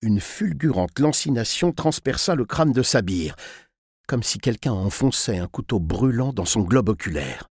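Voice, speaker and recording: A man narrating a dark story with expressive, tense delivery. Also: mid-range voice, normal speed, husky, dry recording, studio quality. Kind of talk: dramatic audiobook narration.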